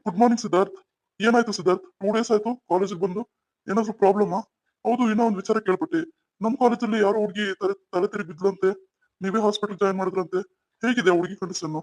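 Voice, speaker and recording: A man voicing a middle-aged male college principal calling on the phone, brisk and businesslike. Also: high-pitched, fairly even intonation. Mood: concerned.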